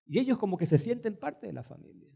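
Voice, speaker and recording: A man preaching a sermon, dramatic and questioning, dropping soft then rising loud and slow for quoted words. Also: high-pitched, big pitch swings, vocal fry, husky. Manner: asks the listeners many questions. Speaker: pastor.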